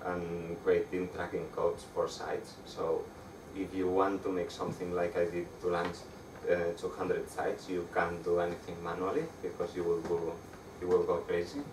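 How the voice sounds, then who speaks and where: In an echoey, dark room with a projector screen, a young meetup speaker with a Spanish accent delivers a technical slide talk. His voice is low and flat, and he keeps stumbling and starting over. A far camera serves as the mic, leaving the audio distant with background noise.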